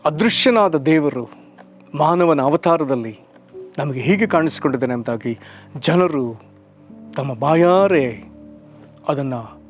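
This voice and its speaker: A man preaching a short devotional sermon, earnest, slowing and stretching phrases for emphasis. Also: on the high side, lively intonation. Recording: soft music underneath.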